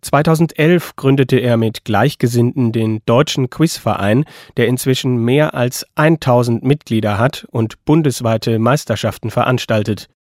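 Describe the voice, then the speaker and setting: A man reading a scripted documentary voice-over in an even, informative tone. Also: medium pitch, normal speed, dry recording, studio quality. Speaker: documentary narrator.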